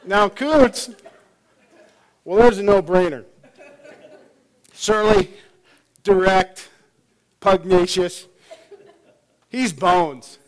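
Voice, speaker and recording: Brief: a middle-aged male chaplain preaching, high and unhurried, chatty with fillers. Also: big pitch swings, vocal fry. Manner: joking and storytelling with frequent fillers. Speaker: hospice chaplain. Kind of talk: sermon.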